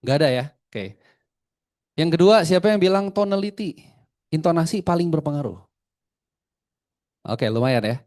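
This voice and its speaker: A man giving a live sales training seminar, often asking the audience questions, mixing English terms into his talk and swinging his pitch and loudness widely. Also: expressive, moderate pace, long pauses.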